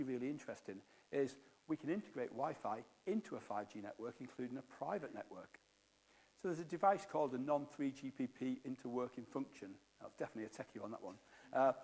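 A middle-aged man giving a technical keynote on a conference stage, explaining with jargon and frequent fillers. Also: mid-range voice. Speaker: keynote speaker.

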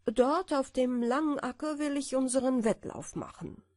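A woman voicing a gruff, bossy male hedgehog in a fairy-tale reading, speaking slowly and curtly. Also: sits high, no echo, clean studio sound, close to an everyday voice. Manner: curt, slow and commanding.

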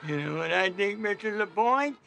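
An actor playing a cold male captor who speaks in a measured, formal way. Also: high voice, lively intonation, vocal fry, pushed and bright, soft background music, full character voice. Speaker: film character.

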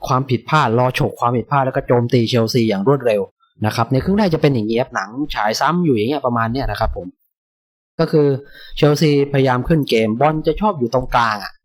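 A man hosting a casual post-match football chat, polite and talkative, often pausing to think aloud and padding his sentences with soft filler words. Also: mid-range voice, no echo. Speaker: football fan channel host.

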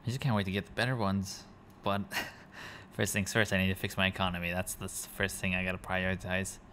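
A man's voice: sits low, level tone, a little fast, bright, forceful tone, slight background noise. A man giving rambling gameplay commentary, thinking aloud and correcting himself as he goes. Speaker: gaming commentator.

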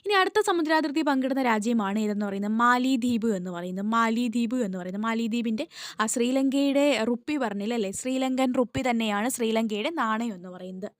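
A woman's voice: a little high, fast talker, no echo, studio quality. A woman teaching an exam-prep lesson, repeating each fact and answering her own questions. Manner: repetitive, drills facts, asks and answers her own questions.

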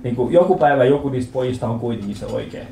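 A man in his thirties doing a stand-up comedy set in a club, telling stories with animated acted-out voices and lots of swearing. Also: medium pitch, creaky, slight background noise. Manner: animated storytelling, acts out quoted voices, swears freely. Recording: roomy club with audience laughter.

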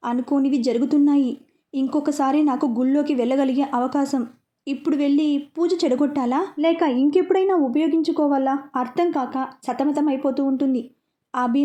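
A woman narrating a serialized heart-touching story at a steady, even pace. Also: sits high.

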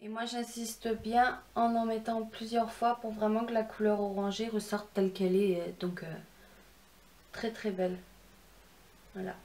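A woman's voice: mid-range voice, little pitch movement, a little slow, warm tone. A young woman walking viewers through a makeup tutorial in a chatty, instructive way, with self-deprecating asides. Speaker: beauty vlogger.

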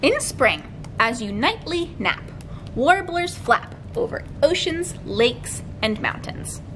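Reading a picture book to little children, a young adult storytime librarian uses a fairly high voice with big pitch swings. Her delivery is very slow, deliberately phrased and carefully articulated, while a faint low rumble hangs in the indoor library room lined with bookshelves.

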